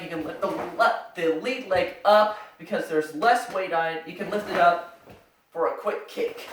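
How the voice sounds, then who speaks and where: Slow, echoey karate instructor giving sharp commands. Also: mid-range voice, slight background noise. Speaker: martial arts instructor. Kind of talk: step-by-step karate demonstration lesson. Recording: echoey room, far from the mic.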